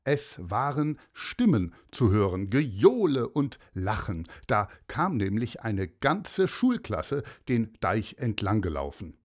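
A man's voice: lowish voice, very animated, takes it slowly, few pauses, a little mellow. A man narrating a children's story, speaking directly to young listeners in a friendly way.

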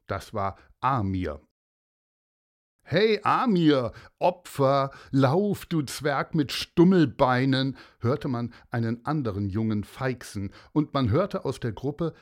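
A man narrating a children's story, speaking directly to young listeners in a friendly way. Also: medium pitch.

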